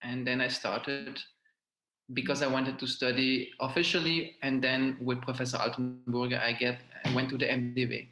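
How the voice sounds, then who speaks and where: A young man from Belgium, a violinist, answering interview questions in a hesitant, halting way with many restarts. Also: mid-range voice, little pitch movement, pushed and bright. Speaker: violinist guest. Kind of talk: interview conversation. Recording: roomy echo.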